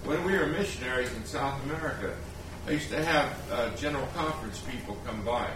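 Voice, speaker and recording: A man's voice: mid-range voice, fairly quick. Earnest middle-aged man in a very echoey room. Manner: earnest, storytelling. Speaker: panelist, former missionary. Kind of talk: reflective talk to an audience. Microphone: distant room mic. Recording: very echoey, distant, hissy.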